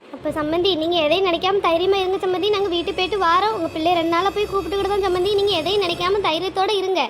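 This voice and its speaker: A woman's voice: very high voice, fairly even intonation, very fast. A woman voicing a wailing village mother. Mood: reassuring. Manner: wailing, lamenting in repeated cries. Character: grief-stricken village mother, middle-aged woman. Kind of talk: cartoon drama voice acting.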